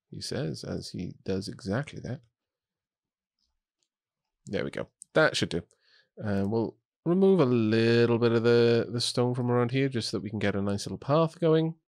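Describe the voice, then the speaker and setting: In clean studio-quality sound with no echo, a young Welsh-accented man thinks aloud while building in a game he streams from his Scottish home. He's chatty, makes small restarts, and has a medium-pitched, darkish voice.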